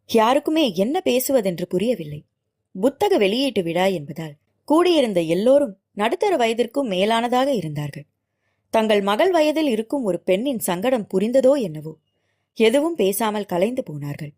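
ஒரு பெண் ஒலிப்புத்தகத்தில் காதல் நாவலை உணர்ச்சிகரமாக நாடகத்தன்மையுடன் வாசிக்கிறார். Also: female voice, fairly high pitch. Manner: expressive, dramatic storytelling. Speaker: audiobook narrator. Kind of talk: reading a romance novel aloud.

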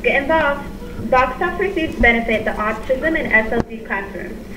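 A woman's voice: a little high, normal speed. A woman reading school announcements in an upbeat, sing-song manner, heard over a school intercom speaker. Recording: echoey, distant, noisy intercom.

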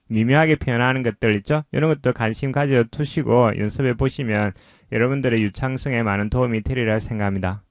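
A man teaching English pronunciation, explaining slowly and patiently in a lesson voice-over. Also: mid-range voice, no room sound, clean studio sound.

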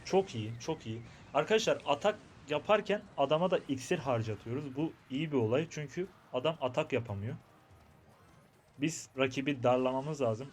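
A young man giving chatty, excitable commentary on his own mobile game match, talking to his viewers and to himself. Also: medium pitch, a little hiss or hum. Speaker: gaming YouTuber. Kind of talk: live gameplay commentary.

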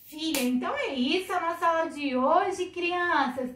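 Brazilian mom doing a bible lesson for her little girl, excited and singsongy, echoey room, mic kinda far off. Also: extremely high pitch, moderate pace, slight background noise. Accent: Brazilian Portuguese. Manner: exclamatory, coaxing and sing-song toward a small child. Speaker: mother teaching a Sunday school lesson.

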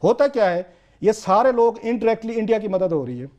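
A man's voice: high voice, animated, moderate pace, darkish tone, dull audio. A man with a Pakistani accent, a political commentator arguing his point on a TV talk show with urgent, repetitive emphasis.

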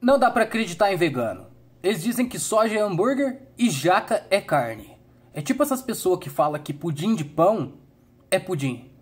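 A young man with a Brazilian accent tells dad jokes, setting up silly riddles and dropping deadpan punchlines. His voice is husky and swings widely in pitch. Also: normal speed. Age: young adult. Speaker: comedy channel host.

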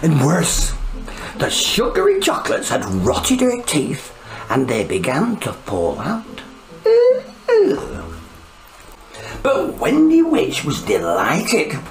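A woman reading a children's storybook aloud in an animated, sing-song way. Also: deep voice, takes it slowly, roomy sound, music in the background.

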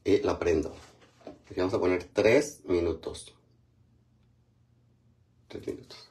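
A chatty Mexican man hosting a casual livestream. His voice sits a little low, and his talk is loose and slangy as he greets viewers by name while doing his skincare. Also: normal speed, darkish tone, a little hiss or hum. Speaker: livestream host.

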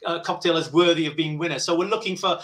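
A man's voice: on the high side, steady tone, fast talker, fairly bright tone. A man hosting a casual show over a video call, jovial and chatty with lots of fillers. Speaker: show host. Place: home room with guitars. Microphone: video call webcam.

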